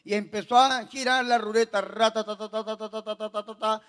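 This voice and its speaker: Male priest, high voice, slow unhurried preaching, call-and-response with the faithful, long church reverb. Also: lively intonation. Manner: swings from soft to loud exhortation, tells jokes. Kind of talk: sermon.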